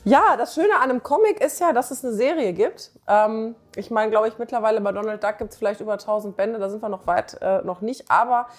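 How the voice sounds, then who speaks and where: A doctor and author in her forties, seated on a sofa in a small living room, talks up her comic to the camera in a casual, emphatic, colloquial way, brimming with enthusiasm. Her fairly high voice is lively in intonation and fairly quick, with hardly any pauses. She's using a clip-on lapel mic.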